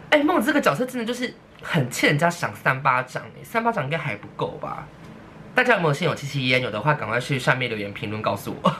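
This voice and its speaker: Solo woman podcaster; animated, theatrical rant, bright tone. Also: sits low, slight background noise. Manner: animated, exaggerated, mock-outraged, laughing often. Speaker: podcast host.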